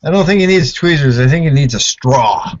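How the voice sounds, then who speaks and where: A man co-hosting a casual group podcast, playful and quick to laugh. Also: fairly high pitch, lively intonation. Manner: playful, laughing, self-promoting. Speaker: podcast co-host. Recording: muffled lo-fi online call.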